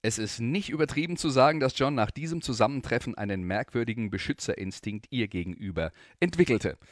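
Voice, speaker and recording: A man hosting a radio music show, telling a music story between songs in calm, scripted narration. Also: mid-range voice, fairly quick, dry recording, studio quality.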